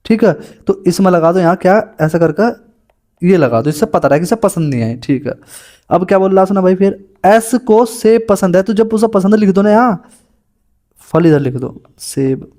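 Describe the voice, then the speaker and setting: High-voiced man teaching puzzles chattily. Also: expressive, normal speed, dark tone. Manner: chatty, calls students "bhai". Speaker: exam coaching teacher. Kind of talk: solving puzzles on a board.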